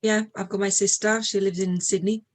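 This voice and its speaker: A fairly quick, flat, mid-range voice belongs to a middle-aged Slovak woman telling stories from her life as an interview guest. She speaks English with a Slovak accent in this casual conversation; she is from Slovakia in Eastern Europe.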